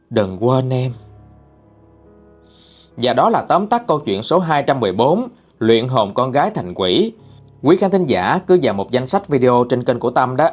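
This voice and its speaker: A man with a Southern Vietnamese accent, hosting a channel and narrating ghost stories in a dramatic, expressive way. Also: mid-range voice. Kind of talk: storytelling narration.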